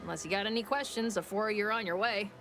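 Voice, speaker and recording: A woman playing a brisk, wry trooper in a video game, greeting newcomers with sardonic official patter. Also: medium pitch, a bit bright, a little hiss or hum, lightly acted. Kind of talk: scripted video game dialogue. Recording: music behind the voice.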